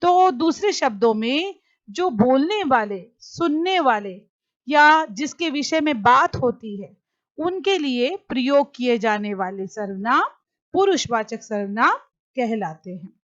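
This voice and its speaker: Woman, teacher, high voice, slow deliberate explaining, dry dull recording. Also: animated, a bit bright, no echo. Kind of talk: recorded grammar lesson.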